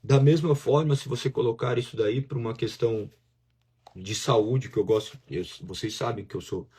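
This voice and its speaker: A man's voice: mid-range voice, steady tone, moderate pace, dark tone, breathy edge. A man with a Brazilian Portuguese accent preaching a sermon as pastor, in a conversational way that acts out inner voices as dialogue.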